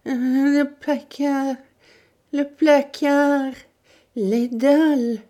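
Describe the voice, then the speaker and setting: A woman voicing a terrified old woman in an audiobook, stammering out words in a high, pleading voice. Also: steady tone, very slow, warm tone. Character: old woman driven mad by torture.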